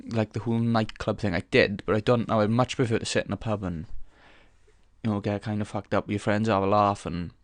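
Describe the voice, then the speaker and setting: A man's voice: on the low side, fairly even intonation, fairly quick, no room sound. A young man hosting a casual solo podcast, rambling frankly with lots of swearing, fillers and restarts as he thinks aloud. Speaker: podcast host.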